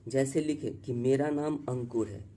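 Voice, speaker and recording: A man teaching a spoken English grammar lesson in Hindi. He talks slowly and repeats himself, spells words out letter by letter, and keeps checking in with the class. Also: medium pitch, warm tone, slight background noise.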